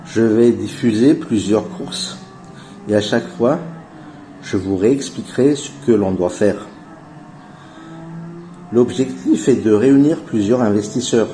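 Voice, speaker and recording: Man in his forties, dark mellow tone, earnest persuasive voice-over, faint music behind. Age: 40s. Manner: earnest persuasive sales pitch, addresses viewers as family. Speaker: channel host pitching an investment project. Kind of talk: voice-over narration over gameplay.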